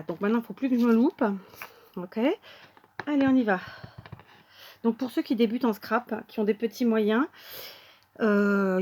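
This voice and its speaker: A woman's voice: medium pitch, a little mellow. A woman hosting a casual card-making tutorial at her craft table, talking to viewers as she works and thinking aloud with plenty of fillers.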